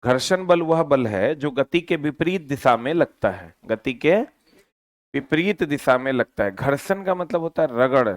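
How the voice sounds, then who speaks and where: A man teaching a physics lesson, lively and constantly quizzing his students with repeated questions. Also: medium pitch, a little slow, no echo.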